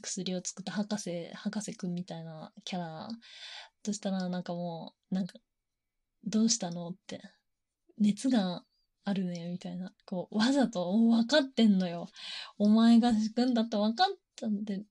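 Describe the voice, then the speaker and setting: A woman's voice: medium pitch, normal speed, warm tone. A woman talking in a casual, giggly, filler-heavy erotic confessional monologue. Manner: chatty, giggly, frequent fillers.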